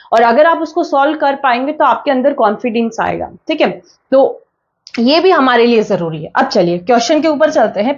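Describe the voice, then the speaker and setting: A woman with a high voice teaches an exam-prep class, patient and methodical. She repeats each point and asks herself questions, then answers them. The audio sounds dull and lo-fi.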